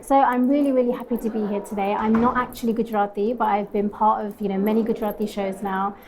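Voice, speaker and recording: A woman's voice: medium pitch, steady tone, quick pace, darkish tone, a little hiss or hum. A woman dancer and mother speaking cheerfully, repeating herself with fillers. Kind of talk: interview at an event.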